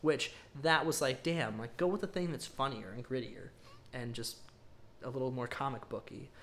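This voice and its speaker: A man's voice: medium pitch, moderate pace, fairly bright tone. A man co-hosting a podcast, giving a casual, rambling movie review full of ums and emphatic verdicts. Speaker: podcast co-host.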